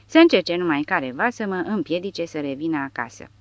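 A woman's voice: lowish voice, expressive, no room sound, lightly acted. A woman doing a brash, boastful brute of a soldier. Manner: growling and boastful. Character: big brash male soldier, boastful and threatening.

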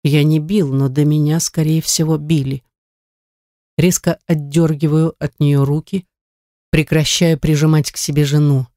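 An audiobook reader giving steady first-person narration of a romance novel. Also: mid-range voice, measured pace, no room sound, studio quality.

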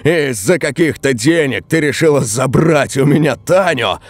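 A man voicing a panicked young man shouting desperately on the phone. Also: on the high side, expressive, normal speed, no room sound, pitched above the performer's own voice. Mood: frantic.

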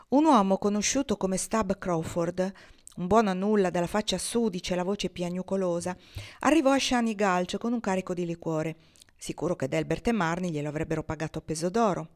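A woman reading a novel aloud as an audiobook, in a measured, even manner. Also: lowish voice. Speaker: audiobook reader. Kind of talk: audiobook narration.

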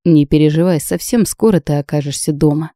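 A woman voicing a reserved, calm man who speaks in measured, curt phrases. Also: low-pitched, dry recording, clean studio sound, close to an everyday voice. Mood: cool.

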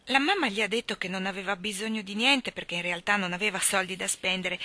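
A woman's voice: medium pitch, pushed and bright, dry recording. A woman voicing a cheerful, chatty young housemaid who tells homely stories in a storybook reading.

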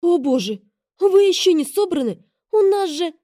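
A woman voicing a tiny, hurried young businesswoman of about twenty who talks in a quick, squeaky, flustered way. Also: lively intonation, mellow, dry recording, clean studio sound. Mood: bubbly, flustered.

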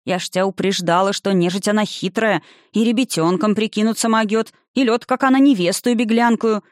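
A woman's voice: mid-range voice, fairly even intonation, a little fast, darkish tone, dry recording, studio quality, lightly acted. A woman reading a stern, grumbling old village witch grandmother in a rustic, old-fashioned dialect. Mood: lecturing.

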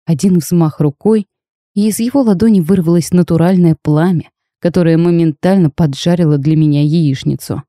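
A woman narrating a fantasy audiobook in first person, with wry, expressive storytelling. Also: lowish voice, moderate pace, no echo, clean studio sound.

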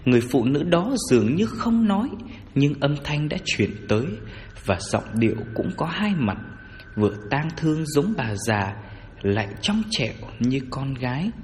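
A man narrating a story as scripted audiobook narration, in an expressive, dramatic manner. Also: mid-range voice, moderate pace, long reverb tail, slight background noise.

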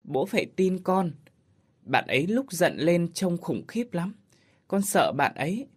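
A man's voice: very animated, a little slow, husky, heavily acted. A man doing a tearful little girl. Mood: scared. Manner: high pleading childlike voice.

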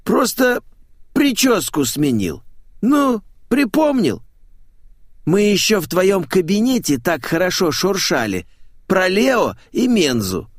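A man voicing a loud, flamboyant man who dresses like a parrot, brash and slangy, in an audiobook. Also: high voice, wildly swooping pitch, no echo, clean studio sound, voice pushed up, heavily acted. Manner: brash, slangy, drawn-out exclamations. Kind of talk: audiobook character voice.

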